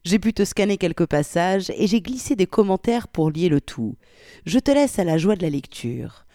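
A reader voicing a man writing a friendly, matter-of-fact email, read in a low and unhurried way. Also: expressive, mellow, dry recording, clean studio sound, natural voice. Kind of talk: reading of a letter.

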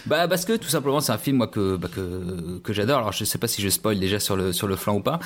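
Man, podcast guest, low voice, hesitant, restarts a lot. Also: expressive, fast talker, slight background noise. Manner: hesitant, many fillers and restarts. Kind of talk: casual podcast chat.

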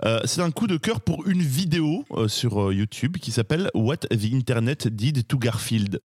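A man's voice: mid-range voice, expressive, normal speed, darkish tone, slightly rough, dry recording, clean studio sound. A man, a podcast regular, chatting casually and hesitantly about a favorite video. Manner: hesitant, full of "euh" and restarts, amused. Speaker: podcast host. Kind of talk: casual chat.

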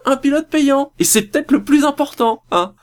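High-voiced man, wry and ironic. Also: normal speed. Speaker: podcast co-host. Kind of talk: casual panel chat.

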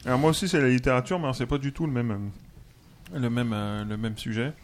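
Man, casual podcast chat, rambling, lots of fillers and restarts, mid pitch. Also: steady tone, fairly quick. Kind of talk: casual chat among friends.

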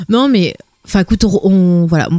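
Woman from France, podcast co-host, casual playful chat, mellow tone, dry close sound. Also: medium pitch, normal speed, no echo. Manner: chatty and playful, drifting into playful voices for characters. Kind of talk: casual chat recapping a series.

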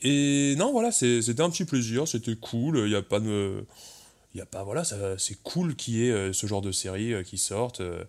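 A man's voice: on the low side, animated, moderate pace, a little mellow. A man co-hosting a casual podcast, talking in a rambling, joking way with lots of fillers and slang. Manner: rambling with many fillers and restarts. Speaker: podcast co-host.

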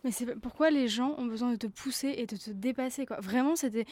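Fast, fairly high-voiced woman, travel podcast co-host; opinionated casual talker. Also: a little mellow, slight background noise. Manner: opinionated, quick to comment. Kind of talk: casual chat.

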